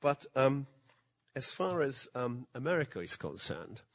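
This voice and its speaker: A man's voice: medium pitch, sing-song, measured pace, vocal fry. An older man from Hungary giving a lecture, telling stories in a dry, self-deprecating way. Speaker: guest speaker. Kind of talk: anecdotal lecture. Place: museum lecture hall.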